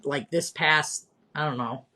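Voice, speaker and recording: A woman's voice: low voice, measured pace. Chatty woman in her fifties. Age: 50s. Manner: chatty, animated, candid, self-deprecating humor. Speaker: live stream guest. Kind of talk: casual chat.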